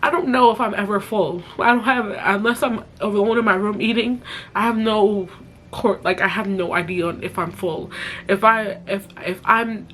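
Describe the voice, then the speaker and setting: A young woman speaking softly and bluntly while crying, her nose stuffy, in a profane, confessional talk straight to the camera from up close. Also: medium pitch, normal speed, slight background noise. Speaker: influencer. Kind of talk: emotional confessional vlog.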